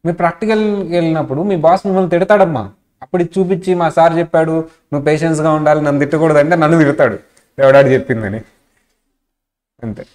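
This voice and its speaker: A man's voice: a little high, a little mellow. A man with a Telugu accent teaching an auditing class, asking students questions and acting out short examples. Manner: mixes English into his talk, asks the class questions. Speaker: auditing lecturer. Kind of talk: classroom lecture with acted examples.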